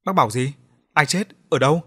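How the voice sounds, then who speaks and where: A man's voice: mid-range voice, fast, breathy edge, lightly acted. A man doing a timid young village crier. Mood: alarmed.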